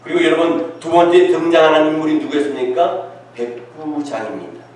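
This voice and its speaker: A man's voice: on the high side, fairly quick, a little mellow. A man preaching a sermon as pastor and putting questions to his congregation. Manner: asks the congregation rhetorical questions. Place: church sanctuary. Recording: echoey church hall from far off.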